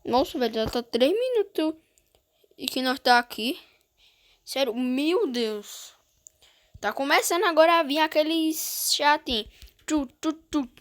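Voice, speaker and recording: A woman with a Brazilian Portuguese accent giving excitable gameplay commentary, often breaking into panicked exclamations. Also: high-pitched, a little slow, long pauses. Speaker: gamer streamer.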